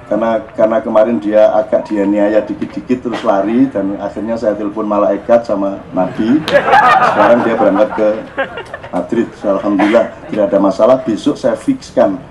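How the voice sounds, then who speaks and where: A man giving an informal religious talk to a crowd, lively and joking, dropping into phrases and acting out exclamations. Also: fairly low pitch, normal speed, noisy background. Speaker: religious speaker at a public gathering. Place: open-air public gathering.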